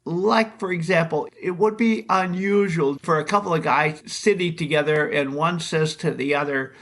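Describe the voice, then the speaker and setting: A man hosting a podcast who muses aloud in a relaxed way, with chuckling asides. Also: fairly high pitch, moderate pace. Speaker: podcast host. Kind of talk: casual conversation.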